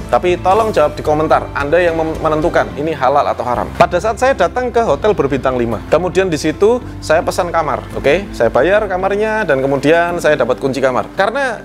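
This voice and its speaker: A man, a business coach talking straight to the camera and repeating his questions to viewers. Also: medium pitch. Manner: asks viewers to answer in the comments, repeats questions. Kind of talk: direct-to-camera talk.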